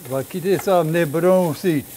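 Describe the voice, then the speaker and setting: Elderly Cajun man, slightly high-pitched voice. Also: a little fast. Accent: Cajun Louisiana. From Louisiana. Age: elderly, 70s or older. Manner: plain, folksy, short phrases. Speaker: home cook and storyteller. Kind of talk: casual cooking demonstration and storytelling. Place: home kitchen, indoors. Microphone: lapel microphone. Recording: clearly audible room and kitchen noise.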